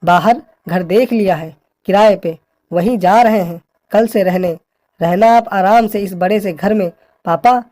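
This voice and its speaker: A woman's voice: mid-range voice, dark tone, natural voice. A woman playing a grown son who firmly tells his mother the family is moving out. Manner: firm, exasperated. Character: grown son, fed up and firm.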